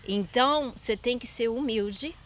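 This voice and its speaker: A woman's voice: fairly high pitch, unhurried, slight background noise. Brazilian woman hosting a casual chat. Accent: Brazilian Portuguese. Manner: leads the talk by quizzing her guest. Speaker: host.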